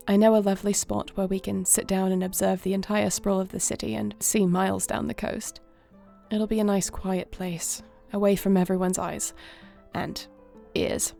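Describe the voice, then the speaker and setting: A woman playing a composed, gentle warrior princess and dragon shifter in an intimate fantasy audio roleplay, speaking formally and with measured care. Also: medium pitch, vocal fry, natural voice. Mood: courteous, inviting.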